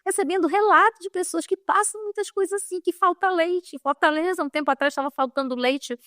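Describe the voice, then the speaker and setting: A woman's voice: extremely high pitch, a little fast, fairly bright tone, dry recording, studio quality. A middle-aged woman from Manaus, Brazil, with a Northern Brazilian accent, giving an emotional personal testimony with many restarts. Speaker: interviewee.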